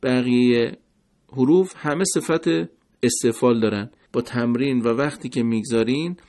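Male teacher, mid pitch, patient lesson delivery with slowed word demonstrations. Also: darkish tone. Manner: slow, deliberate, repeats words to demonstrate sounds. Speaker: recitation teacher. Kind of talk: pronunciation lesson.

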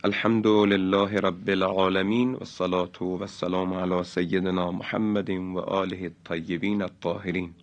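A man gives a religious lesson on recitation, drawing out each example word slowly and deliberately. His voice sits on the low side. The recording sounds dull and lo-fi. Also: level tone. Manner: slow, deliberate, stretches example words. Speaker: Quran recitation teacher.

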